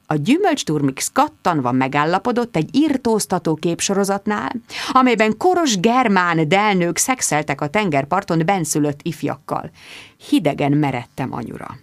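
A woman reading first-person diary narration in a wry, comic, expressive way. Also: lowish voice, dry recording, clean studio sound. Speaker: audiobook narrator.

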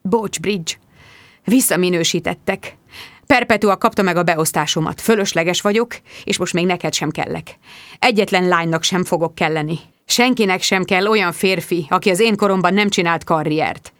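A woman voicing a smooth-talking man who turns self-pitying, with a soft, coaxing delivery. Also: high-pitched, no echo. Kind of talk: audiobook character voice.

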